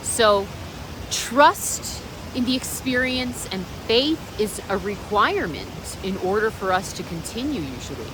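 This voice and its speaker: A woman's voice: mid-range voice, a little slow. A woman vlogger talking reflectively and off the cuff outdoors, encouraging the viewer directly. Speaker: vlogger and meditation practitioner. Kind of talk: unscripted reflective vlog talk. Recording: clear steady background noise.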